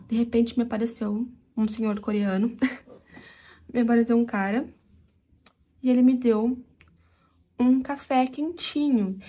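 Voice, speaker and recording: Mellow-voiced Brazilian woman telling a story. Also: fairly high pitch. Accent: São Paulo interior Brazilian Portuguese. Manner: animated, confiding storyteller who addresses viewers directly. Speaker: crochet channel host. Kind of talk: storytelling while crocheting.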